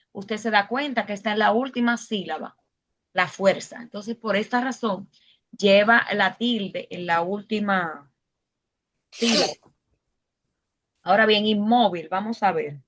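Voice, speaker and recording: A woman's voice: mid-range voice, fairly bright tone. A woman teacher leading an online class, patiently asking questions and explaining step by step.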